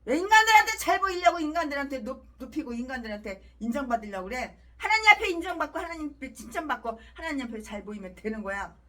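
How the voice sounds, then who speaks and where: A woman pastor delivering an angry preaching rant, trading crude insults and swinging between shouts and low mutters. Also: big pitch swings, fast, hardly any pauses.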